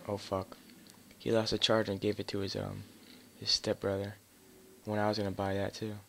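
A man's voice: on the low side, monotone, normal speed, gravelly, fairly bright tone, slight background noise. A man doing casual live gameplay commentary on a headset mic as a raging gamer, swearing and grumbling in exasperation. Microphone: gaming headset.

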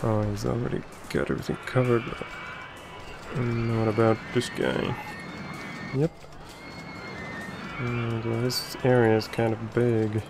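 Slow, gravelly man muttering over game music. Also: mid-range voice, flat delivery, noisy background. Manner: muttering to himself while building, chuckling. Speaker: let's play gamer. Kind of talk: casual gameplay commentary.

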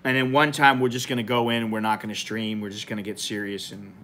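A man's voice: lowish voice, level tone, quick pace, bright, forceful tone, a little hiss or hum. Chatty bearded man on a live stream. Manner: rambling, chatty and informal, with many fillers. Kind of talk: casual live stream chat. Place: small indoor room with a plain wall.

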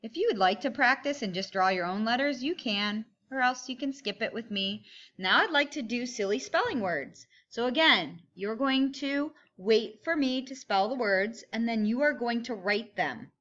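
A woman's voice: on the high side, animated, normal speed, a bit bright, highs cut off. A woman with a kindergarten teacher's manner, giving simple step-by-step instructions to young children and stressing key words.

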